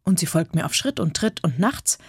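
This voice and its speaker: A woman's voice: on the low side, animated, normal speed, husky, no room sound, studio quality, full character voice. Woman doing a bold, boastful boy. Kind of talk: audiobook character voice.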